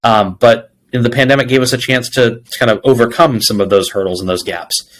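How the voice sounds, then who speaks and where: Here a people executive talks as an interview guest, his medium-pitched, slightly bright voice moving a little fast with fairly even intonation. He tells reflective stories and quotes dialogue along the way, conversing naturally, while the rough recording carries slight background noise.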